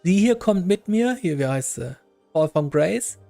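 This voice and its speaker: A man commenting casually on a game he is playing, chatty and quick in bursts. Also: high-pitched, animated, gravelly, dark tone, no room sound, soft background music. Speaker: let's player.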